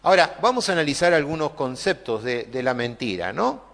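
A man's voice: on the high side, big pitch swings, a little fast, creaky, fairly bright tone. A man preaching a sermon, talking conversationally with many tag questions and restarts. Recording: long hall reverb.

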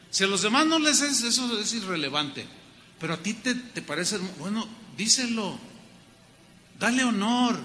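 A Mexican man preaching a folksy, joking sermon as a pastor. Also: high voice. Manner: lively, folksy, joking, acts out little scenes. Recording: long hall reverb.

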